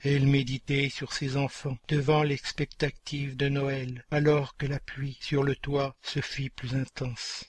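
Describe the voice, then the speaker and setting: A man narrating a dramatic story in a solemn, measured way. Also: mid-range voice, little pitch movement, slightly rough, no room sound.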